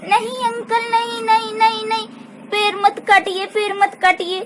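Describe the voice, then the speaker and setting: A woman's voice: monotone, a little slow, heavy background noise. A woman voicing a small child who tearfully begs the grown-ups. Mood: pleading. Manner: begging, high and tearful.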